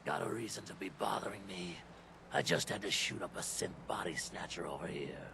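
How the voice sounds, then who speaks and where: A man playing a gruff, shaken town guardsman in a video game, talking in weary, colloquial, bitter phrases. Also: low-pitched, a little fast. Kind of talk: video game character acting. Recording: clear background noise, game ambience.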